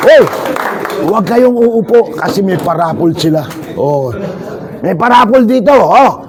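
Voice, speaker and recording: A man gives an energetic, joking seminar talk to overseas workers, calling out to the audience and leading shouted chants. His voice is high and unhurried, with crowd noise in the background.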